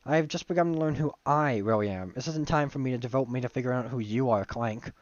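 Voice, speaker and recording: A man's voice: mid-range voice, fast talker, no room sound, lightly acted. A man reading the lines of a blunt young female classmate, matter-of-fact. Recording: dull dry stream audio.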